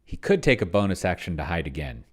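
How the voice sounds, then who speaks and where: He speaks fast and very animatedly in a low-sitting voice, offering casual commentary as he plays a roleplaying game solo for a video. He thinks aloud, frequently muttering, trailing off, and drawing out words while he types, and a computer keyboard can be heard behind him.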